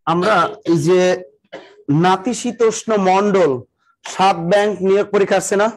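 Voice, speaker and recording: A male teacher giving a live online exam-prep class, repeating definitions slowly so students can write them down and urging them to hurry. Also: high voice, fairly even intonation. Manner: talks to viewers directly, greeting them by name and district.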